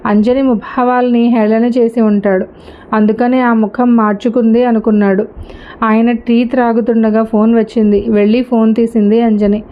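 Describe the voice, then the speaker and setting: A woman's voice: on the high side, level tone, normal speed. A woman narrating a story as a storyteller, reading steadily and evenly. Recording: slightly dull lo-fi recording.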